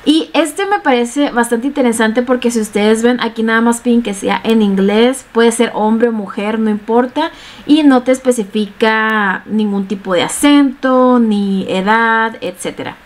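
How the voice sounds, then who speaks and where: A woman's voice: a little high, a little slow. A young woman giving a casual step-by-step screen-share tutorial from a small room at home, chatty and full of fillers. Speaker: online tutorial host.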